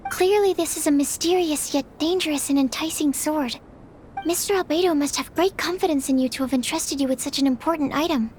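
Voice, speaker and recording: Woman as a very high-voiced earnest young alchemist. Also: fairly quick, a little mellow, slight background noise, natural voice. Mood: admiring, curious. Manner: earnest, precise, formal, easily flustered. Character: polite, earnest, shy young female alchemist.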